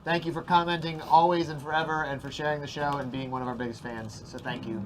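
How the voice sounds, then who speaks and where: A man's voice: on the high side, steady tone, fast talker, a bit bright, slight background noise, rough recording. A man hosting a live stream game show, upbeat and reading out viewer comments. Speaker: host and player.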